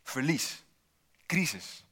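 A man's voice: medium pitch, expressive, very slow, sharp tone, slightly rough. A man preaching a sermon in a church, posing rhetorical questions and repeating single key words for emphasis, with dry asides to the congregation.

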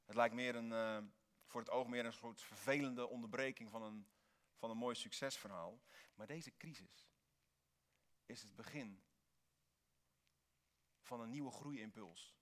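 A man preaching a sermon in Dutch, earnest, with bursts of lively emphasis. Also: medium pitch, a little slow, pauses often. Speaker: pastor.

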